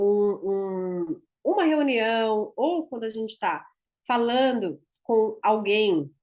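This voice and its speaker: A woman with a Brazilian Portuguese accent, a dentist teaching a class in a chatty, emphatic way and often tagging her sentences with "né?". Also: on the high side. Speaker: instructor and dentist.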